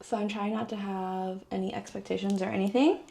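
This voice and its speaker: Giddy chatty woman with some vocal fry. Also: mid-range voice, steady tone, brisk, warm tone, a little hiss or hum. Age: 30s. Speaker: vlogger. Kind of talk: casual vlog chat.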